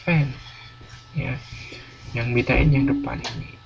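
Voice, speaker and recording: A man's voice: medium pitch, steady tone, unhurried, vocal fry. A male university lecturer teaching a class, explaining patiently and repeating words with many fillers. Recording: dull lo-fi classroom recording, faint noise.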